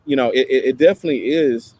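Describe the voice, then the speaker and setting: A man from East Tennessee with an Appalachian twang, co-hosting a talk show in a casual, folksy, halting way and often correcting himself. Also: mid-range voice, animated, warm tone. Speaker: show co-host.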